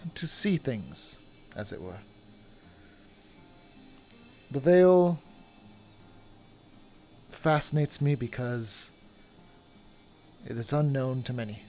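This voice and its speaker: A man's voice: medium pitch, expressive, slow, long pauses, a little mellow, faint music behind. A man playing a humble wandering traveler who wants freedom, speaking in earnest, formal phrases. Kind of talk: in-character roleplay.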